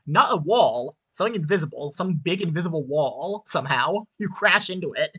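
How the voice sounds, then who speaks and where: A man's voice: a little high, animated, brisk, bright, forceful tone, husky. A man narrating a tabletop game as game master, rambling through lots of fillers and restarts.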